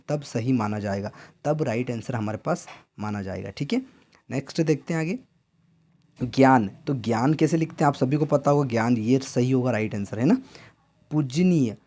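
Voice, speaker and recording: A man's voice: mid-range voice, warm tone. A man with a Madhya Pradesh Hindi accent teaching an exam-prep lesson, often repeating answers back as questions and checking in with "theek hai.".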